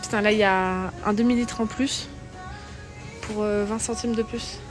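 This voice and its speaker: A woman from France, livestreaming while out in town, chatting excitedly to her viewers into a handheld phone. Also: medium pitch, moderate pace, music in the background. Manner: chatty, excitable, talks straight to her chat. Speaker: IRL livestreamer. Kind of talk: casual live stream chat. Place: out on town streets and in shops.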